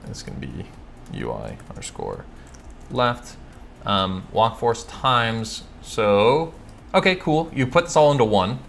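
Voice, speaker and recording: A man from California hosting a casual live coding stream, chatting and thinking aloud, reading code out slowly with lots of fillers and self-corrections. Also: fairly low pitch, very animated, vocal fry, a bit bright, slight background noise. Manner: reads code aloud slowly while typing. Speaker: livestream host answering coding questions.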